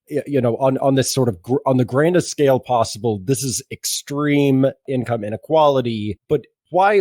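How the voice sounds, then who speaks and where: A man's voice: mid-range voice, a little mellow, no echo, studio quality. A man co-hosting a podcast, stammering and repeating words as he works out his questions. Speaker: podcast co-host. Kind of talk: podcast interview.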